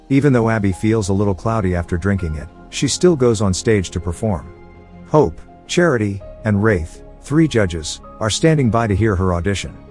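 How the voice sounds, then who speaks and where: A man narrating a movie recap in an even, measured storytelling voice. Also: fairly low pitch. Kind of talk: scripted narration.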